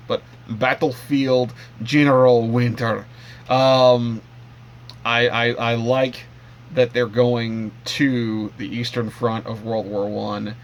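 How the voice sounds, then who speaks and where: A man's voice: medium pitch, slight background noise. A man talking casually in a vlog, rambling with frequent fillers and restarts. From Canada. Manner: rambling, with many ums and restarts. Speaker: vlogger. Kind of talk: casual monologue.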